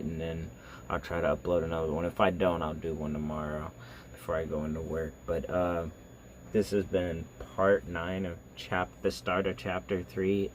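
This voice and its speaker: Reaction host, man, low-ish voice, halting casual chat, faint noise. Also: a little mellow. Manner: rambling, halting, filler-heavy.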